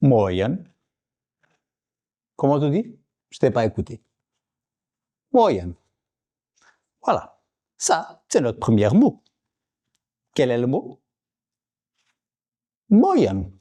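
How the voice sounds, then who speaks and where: A Portuguese man with a Portuguese accent hosts a casual language-learning vlog, repeating words over and over as he teaches them. His voice is medium-pitched with a dark tone.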